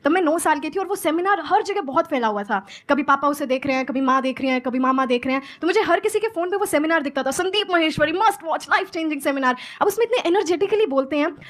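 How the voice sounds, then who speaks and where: High-voiced young woman from Haryana. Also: fast talker, hardly any pauses. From Haryana, India. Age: 20s. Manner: earnest, switches between Hindi and crisp English lines. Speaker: guest motivational speaker and English teacher. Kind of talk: stage interview answering audience questions.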